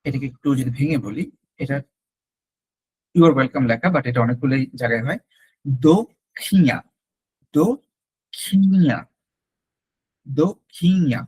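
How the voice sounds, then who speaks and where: A man teaching a French class in Bengali mixed with English, repeating each French word slowly. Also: mid-range voice, breathy edge, no echo, rough recording. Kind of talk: classroom lesson.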